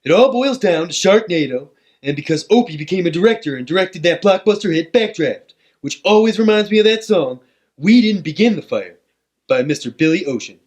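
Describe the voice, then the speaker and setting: A man's voice: high-pitched, lively intonation, a little fast, a little mellow. A man voicing a loopy, rambling puppet character in a sitcom parody. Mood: rambling, confident.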